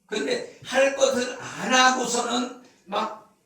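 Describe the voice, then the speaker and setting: A man's voice: extremely high pitch, steady tone, slow, sharp tone. A man preaching a sermon as pastor, asking the congregation questions and acting out scolding voices. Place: church sanctuary. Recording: echoey hall, from far off.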